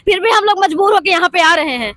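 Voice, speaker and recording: A woman's voice: very high-pitched, lively intonation, fast talker, pushed and bright, no echo. A woman who is a protesting job candidate and a mother, pleading. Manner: pleading, aggrieved. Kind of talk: emotional protest interview.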